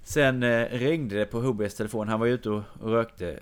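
A man's voice: medium pitch, fairly even intonation, smooth. A man telling a long, meandering anecdote in casual chat.

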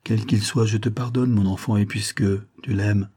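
A man's voice: lowish voice, steady tone, normal speed, mellow, husky. A man reading as an emotional old general. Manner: exclaiming, tremulous.

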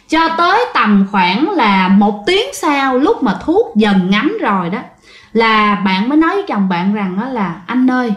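A woman's voice: mid-range voice, muffled recording. Woman telling a ghost story, roomy. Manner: addresses listeners directly, vivid. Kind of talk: spoken ghost story narration.

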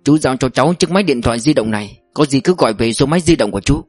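A man's voice: mid-range voice, animated, racing, dry recording, soft background music, lightly acted. A man reading an audiobook voices an older bank executive's assistant who gives firm, calculating orders. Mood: commanding. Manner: firm, commanding.

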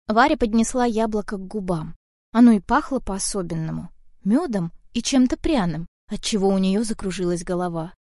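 A woman narrating a fairy-tale audiobook in an expressive storytelling manner. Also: medium pitch, normal speed, no room sound, studio quality.

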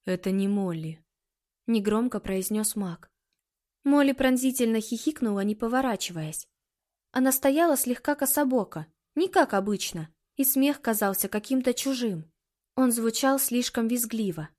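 Woman narrating a storybook. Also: fairly high pitch. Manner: measured, expressive storytelling. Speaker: audiobook narrator. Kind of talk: scripted narration.

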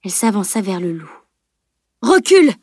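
A woman's voice: mid-range voice, moderate pace, a little mellow, dry recording. Dry, close woman narrating a novel. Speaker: audiobook narrator. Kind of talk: scripted narration.

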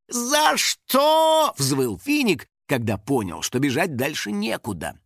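A male audiobook narrator reading a children's adventure with lively, theatrical storytelling. His voice is a touch high and swoops dramatically up and down through each sentence. The recording is dry and close, with no room around it. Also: no room sound.

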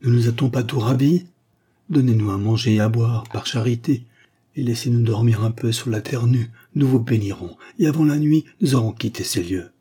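A man's voice: mid-range voice, moderate pace, dark tone, husky, close to an everyday voice. A man playing a stooped, pleading old leader. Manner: pleading, humble.

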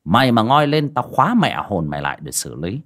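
A man voicing a blunt, fierce young exorcist with a low, gruff delivery. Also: very animated, brisk, a bit bright.

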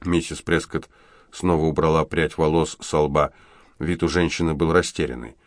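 Man, audiobook narrator, steady reading, very low pitch, dry recording. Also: moderate pace, no room sound.

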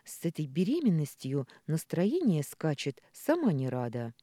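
A cheeky young pregnant woman, voiced by an audiobook reader, chatty and teasing. Her voice swings up and down a lot, with a mellow tone. The sound is close and dry. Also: mid-range voice, wildly swooping pitch, moderate pace, no room sound.

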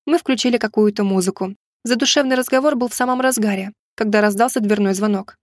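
A woman narrates a first-person audiobook in an even, measured voice. Her voice sits fairly high, and the recording is dry and close, with no room sound. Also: no echo.

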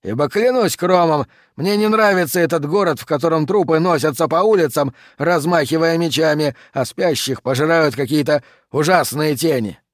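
A man voicing a proud, blunt barbarian warrior in an audiobook, with a loud, gruff, raised voice. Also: on the high side, normal speed, few pauses, no echo, studio quality, pitched above the performer's own voice, close to an everyday voice. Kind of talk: audiobook character voice.

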